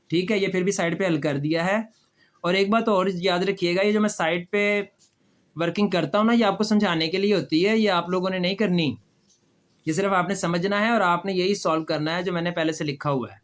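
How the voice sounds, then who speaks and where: A man teaching a math lesson step by step, patiently asking questions and answering them himself. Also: sits high. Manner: patient, addresses students as children, repeats questions and answers them. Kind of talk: step-by-step classroom lecture.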